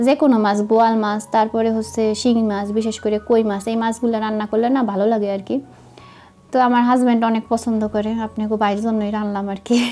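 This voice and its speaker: A young woman with a Madaripur Bengali accent, chatting to viewers while she cooks, slightly hoarse from a cold and making fun of herself. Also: a little high, little pitch movement, fast, dark tone. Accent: Madaripur Bengali dialect. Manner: chatty, self-mocking, talks to viewers while cooking. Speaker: vlogger. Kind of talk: casual cooking vlog narration.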